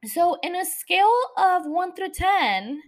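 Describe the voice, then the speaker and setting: A woman's voice: extremely high pitch, very animated, slow pace. A woman hosting a casual solo podcast about TV shows, swearing freely and joking irreverently as she rambles and interrupts herself. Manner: rambling, self-interrupting, teasing. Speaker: podcast host.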